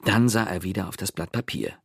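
Deep husky male storyteller. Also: a little fast, no room sound, clean studio sound. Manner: lively, expressive storytelling. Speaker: narrator. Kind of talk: audiobook narration for children.

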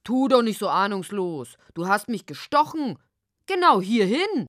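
A woman voicing a grumpy, indignant male mole-like creature in a storybook, speaking huffily in a lowered voice. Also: big pitch swings, unhurried, a bit bright, no echo, studio quality.

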